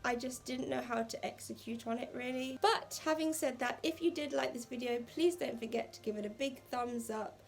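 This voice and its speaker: A woman's voice: fairly high pitch, normal speed, gravelly, few pauses, faint music behind, low-quality recording. A woman in her twenties reading her old fan fiction aloud and commenting candidly, poking fun at her own writing. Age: 20s. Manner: candid, self-deprecating.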